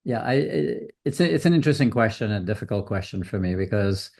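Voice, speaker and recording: This Swiss designer in his fifties answers interview questions thoughtfully, with plenty of ums and restarts. His voice is lowish and darkish in tone, expressive and quick.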